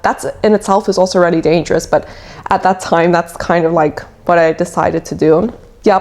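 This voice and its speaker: A woman's voice: fairly low pitch, darkish tone. A young woman from South Africa with a South African English accent, chatting to camera in a casual vlog and explaining things with fillers and restarts. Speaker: vlogger.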